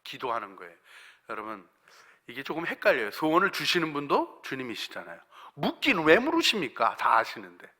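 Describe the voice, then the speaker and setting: A man preaching a sermon as pastor, swinging from hushed near-whispers to fervent shouting and putting questions to the congregation. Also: mid-range voice, wildly swooping pitch, a little fast. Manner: asks the congregation questions and answers them; acts out quoted voices within the sermon.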